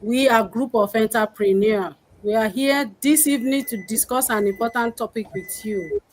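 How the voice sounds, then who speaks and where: A woman's voice: on the high side, normal speed, rough recording. A woman from Nigeria, hosting a live-stream talk with upbeat, welcoming greetings. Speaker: host of a live panel.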